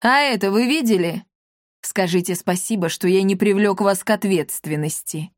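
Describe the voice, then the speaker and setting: A woman's voice: mid-range voice, normal speed, no echo, lightly acted. A smug, suspicious chief of gendarmes in an audiobook tale, speaking with condescending ease, as a woman narrator puts him on. His voice stays near the reader's own middle range. The sound is dry and close.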